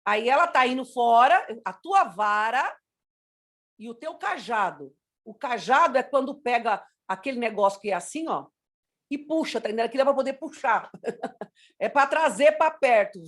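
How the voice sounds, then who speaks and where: Animated high-voiced Brazilian woman preaching. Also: moderate pace. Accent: Brazilian Portuguese. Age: middle-aged. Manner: animated storytelling, acts out scolding and prayer. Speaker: pastor. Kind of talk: pastoral teaching to parents.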